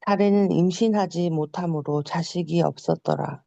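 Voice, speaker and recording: A reader taking turns reading scripture aloud in a measured, careful way. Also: mid-range voice, vocal fry, mellow, dry recording, muffled recording.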